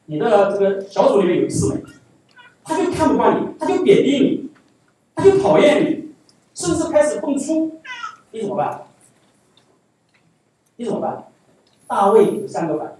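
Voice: medium pitch, warm tone. A pastor preaching a sermon, repeating phrases and putting rhetorical questions to the congregation. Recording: echoey hall, voice from far off.

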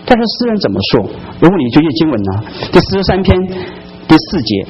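A man's voice: a little high, sing-song, fast talker, soft background music. A man preaching a sermon to a congregation, constantly putting rhetorical questions to his listeners. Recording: dull lo-fi recording.

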